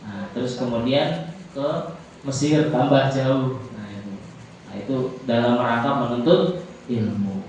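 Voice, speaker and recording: Slow teacher in an echoing hall. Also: male voice, mid-range voice, darkish tone, slight background noise. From Jakarta, Indonesia. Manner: demonstrates letter sounds, joking. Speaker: Islamic teacher at a boarding school. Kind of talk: religious lesson to villagers. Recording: very echoey hall, distant mic, faint ambience.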